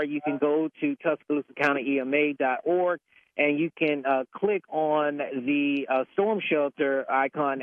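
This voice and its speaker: A man giving a live severe weather report from the field in a halting way, correcting himself as he goes. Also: on the high side, dry recording, narrow, tinny audio. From Alabama, United States. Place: outdoors in a windy residential area.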